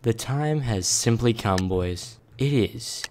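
An eighteen-year-old man quietly commentating a game late at night in his bedroom, calling viewers "boys" and "dude". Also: medium pitch, animated, slow, a little hiss or hum. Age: 18, young adult. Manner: hushed and casual, calls viewers "boys" and "dude". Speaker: gaming YouTuber. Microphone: desk microphone turned up.

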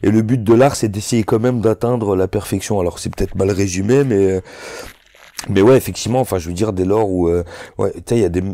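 Pitched on the low side with a dark tone, this thirty-something rapper talks fairly quickly during a relaxed sit-down interview. French isn't his native language, and his slangy speech leans heavily on "tu vois." There's no room sound in the recording.

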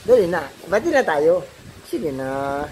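A man's voice: a little high, big pitch swings, unhurried, a little mellow, rough recording. A father teasing and coaxing his young daughter in casual home banter, playful and joking. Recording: home video with background noise.

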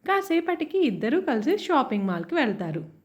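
A woman narrating a romantic family story in an expressive storytelling manner. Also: high-pitched, normal speed.

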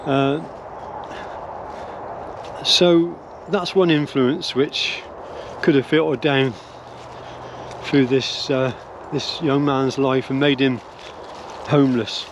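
Strolling through woodland with his dogs, an older man from England vlogs his opinions in a slow, musing, hesitant way, often restarting and filling pauses. His mid-range voice keeps a fairly even intonation. The recording comes from a phone or camera held close at arm's length, with a noisy background.

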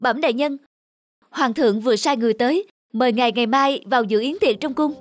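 Talking fast in a slightly high voice, a woman acts out a cartoon folk tale with expression while music plays behind her. She narrates and gives voice to each character.

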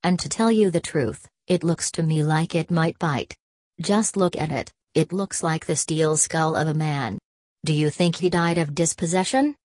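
A woman's voice: deep voice, normal speed, darkish tone, no echo. A woman reading an audiobook, voicing a nervous young man giving an oratorical speech to a crowd. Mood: self-deprecating. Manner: oratorical, building rhetoric. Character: nervous young male speaker rousing a crowd.

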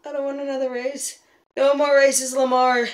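A woman playing a racing game, commentating with swearing and frustrated yelling. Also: high voice, level tone, moderate pace. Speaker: gamer. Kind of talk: gaming commentary.

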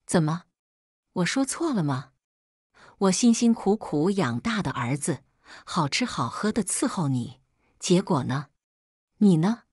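A scornful, domineering older mother-in-law who rants with lively swings of pitch and a sarcastic bite, as a woman reading the story puts her on. The voice sits fairly low and sounds dry and close, with no room around it. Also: normal speed, no room sound. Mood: berating. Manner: sarcastic, scolding.

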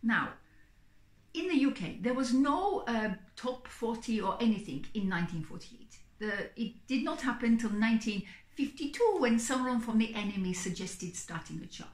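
A middle-aged woman, a singing psychic performer, hosts her own vlog from a sofa in a small, echoey indoor room, chatting to camera expressively and theatrically. Her voice is a little high, with lively intonation at a normal speed.

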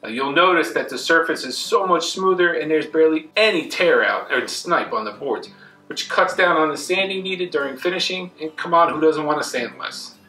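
A man's voice: fairly high pitch, lively intonation, normal speed, bright, forceful tone. A man in his thirties, a woodworking channel host, talking casually and directly to the camera in his indoor shop. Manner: plain, friendly, direct to camera. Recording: echoey shop room. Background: faint guitar music.

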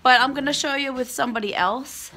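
Holding her phone at arm's length in a cold wooden barn, a middle-aged alpaca farmer films a casual vlog, chatting and explaining as she goes. Her high-pitched voice is brisk, pushed and bright, with a slight hiss or hum.

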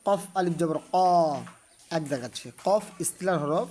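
A man teaching Quran reading. He spells each letter and vowel mark slowly, then draws out the blended syllables in a recitation tone. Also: high-pitched, darkish tone, slight background noise.

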